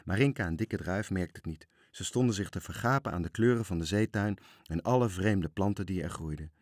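A man reading a children's story aloud in a calm, even storytelling manner. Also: low voice, a little fast, no room sound, clean studio sound.

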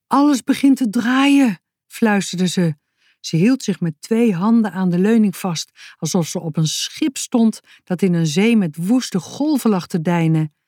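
Een vrouw die levendig en expressief een kinderverhaal voorleest. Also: female voice, on the low side, measured pace, no room sound, clean studio sound. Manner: lively, expressive reading. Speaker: narrator. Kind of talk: reading a children's story aloud.

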